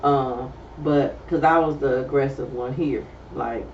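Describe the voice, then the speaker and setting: A woman's voice: very deep voice, steady tone, measured pace, a little hiss or hum. A middle-aged woman, talking candidly in a loose, casual chat as co-host. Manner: candid, loose conversational talk with many fillers. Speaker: podcast co-host. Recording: roomy, distant, slightly dull sound.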